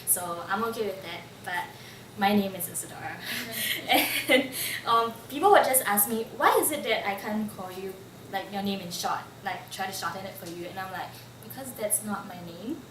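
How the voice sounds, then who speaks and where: This is a woman in her 20s from Singapore, interviewed as she casually recounts her own stories, peppered with "like" fillers. Her pitch is medium and her pace normal, with background noise present. The room sounds spacious, the mic is far off, and there's a faint ambience.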